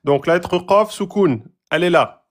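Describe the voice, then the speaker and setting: A man teaching Quran recitation rules, patiently asking questions and repeating example words slowly. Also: high voice, lively intonation. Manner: asks students rhetorical questions. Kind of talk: tajwid lesson, explaining a page.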